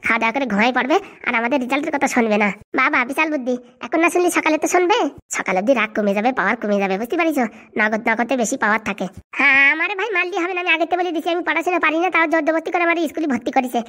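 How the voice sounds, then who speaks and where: A woman voicing a whole bickering rural cartoon family in comic dialogue, with rapid rustic banter full of teasing and scolding. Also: high-pitched, sharp tone. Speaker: voice of all cartoon characters.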